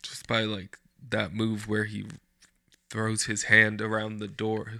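A man co-hosting a casual film discussion podcast, talking in a relaxed, thoughtful and analytical way. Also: lowish voice, slow, vocal fry, dry recording, clean studio sound. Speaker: podcast co-host.

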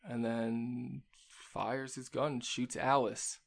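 A man in a casual movie discussion, lively, recounting scenes in close detail and arguing his points. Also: medium pitch, slow, vocal fry.

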